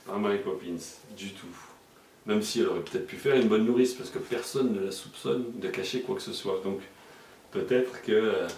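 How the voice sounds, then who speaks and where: Man, journalist guest, hesitant with many fillers, deep voice, far from the mic. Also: normal speed, a little mellow, a little hiss or hum. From Marseille, France. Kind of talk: casual explanatory interview talk. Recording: echoey room, mic far off.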